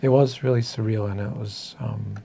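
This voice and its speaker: Speaking at a normal pace, this man has a lowish, mellow voice with vocal fry and fairly even intonation, and a little hiss or hum is audible. He is an author in his fifties from northern coastal New South Wales, a guest in a casual, reflective chat held in a small indoor meeting room. He comes across as hesitant, thoughtful and self-deprecating.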